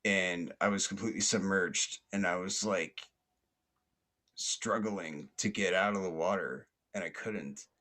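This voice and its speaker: Man with a lowish voice, podcast host, rambling storyteller. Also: measured pace, pushed and bright. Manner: rambling, lots of fillers and restarts.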